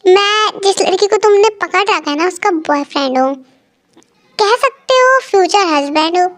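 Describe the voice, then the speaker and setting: A woman's voice: extremely high pitch, lively intonation, moderate pace, a bit bright. A woman voicing a possessive young male mafia boss, talking in a blunt, commanding way.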